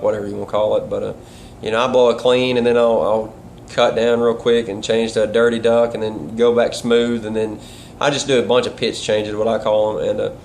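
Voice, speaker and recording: A man talking casually and instructionally in a folksy, rambling way with colloquial grammar. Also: mid-range voice. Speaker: duck calling instructor and caller. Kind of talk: casual instructional vlog talk. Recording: clear background noise.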